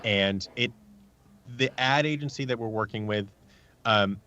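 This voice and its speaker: In dull lo-fi audio, a podcast guest who works as an actor and producer gives casual, earnest anecdotal advice, acting out quoted remarks. His lowish voice is pushed and bright, and he speaks at a measured pace.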